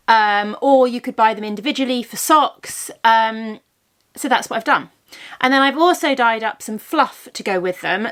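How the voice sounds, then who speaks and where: A yarn-dyeing vlogger in her thirties chats casually, her voice high-ish and fairly bright. She's got a cold, sounding a little congested with a blocked ear, and she rambles with plenty of ums and self-corrections.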